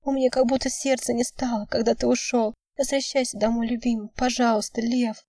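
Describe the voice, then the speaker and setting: A woman's voice: a little high, flat delivery, fairly quick, warm tone, no echo, clean studio sound, voice pushed up. A woman voicing a tearful young woman pleading with her lover in an audiobook.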